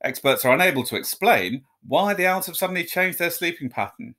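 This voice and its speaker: A formal television newsreader, acted out by a male reader, with a dry streak of humour. The announcing is measured and strongly inflected, part of a storybook. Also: a little high, expressive, bright, forceful tone, pitched above the performer's own voice. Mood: formal, wry.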